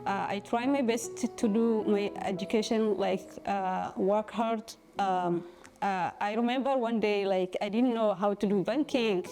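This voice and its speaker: A woman from Somalia, a former student giving a halting personal testimonial. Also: mid-range voice, steady tone, music in the background. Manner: halting, simple phrasing, many fillers.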